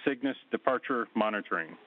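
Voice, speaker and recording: A man's voice: fairly low pitch, animated, brisk, narrow, tinny audio. A man working as mission control capcom, making clipped procedural calls over a space radio comm loop.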